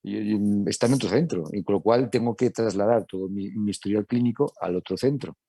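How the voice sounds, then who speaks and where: A middle-aged Italian medical director speaks conversationally on a panel, restarting often. His Italian accent carries a touch of Castilian Spanish. His voice is fairly low, creaky, dark and slightly rough, and he talks fairly quickly in a dry recording.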